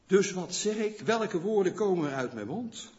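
A man preaching a sermon in a conversational way, often asking the congregation questions and checking in with a quick "yes?". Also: sits high, animated, a little mellow. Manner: rhetorical questions to the listeners. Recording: long church reverb, dull lo-fi sound.

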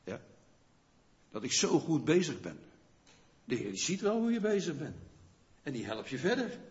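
A man preaching a sermon in a conversational way, often asking the congregation questions and checking in with a quick "yes?". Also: a little high, very animated, darkish tone. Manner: rhetorical questions to the listeners. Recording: long church reverb, dull lo-fi sound.

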